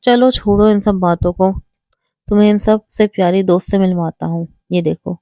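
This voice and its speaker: A woman reading the part of an earnest, caring young man in a storybook novel, speaking in a soft, coaxing way. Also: medium pitch, fairly even intonation, no echo, studio quality, close to an everyday voice.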